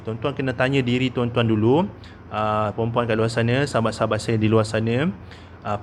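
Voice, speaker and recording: This is a consultant in his thirties, speaking with a Malaysian Malay accent in a relaxed talk about investing. His voice sits at medium pitch, and a faint hiss or hum runs underneath. He leans heavily on "ah" as a filler and keeps tagging sentences with "okey?"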